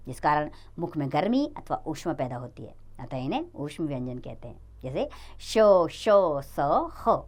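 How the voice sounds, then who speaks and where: Lively woman teaching children. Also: on the low side. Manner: addresses children, lively sing-song explaining. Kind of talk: children's grammar lesson.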